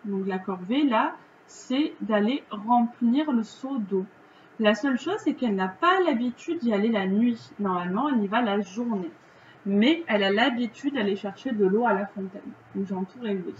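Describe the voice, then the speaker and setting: A woman with a French accent, a teacher going through a reading lesson's answers for children in a slow, patient, step-by-step way. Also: medium pitch, dull audio, a little hiss or hum.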